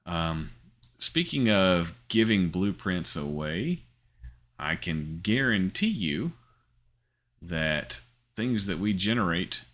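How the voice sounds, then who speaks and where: Talking casually over his screen, this middle-aged host of a crypto gaming channel rambles, piling up fillers, ums and restarts. His deep, slightly bright voice is animated, and he takes his time.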